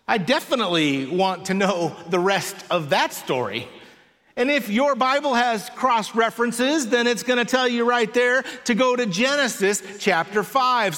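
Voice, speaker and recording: A man preaching a sermon in a church in an unhurried, conversational way with dry touches of humor. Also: high-pitched, fairly bright tone. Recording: long reverb of a large hall.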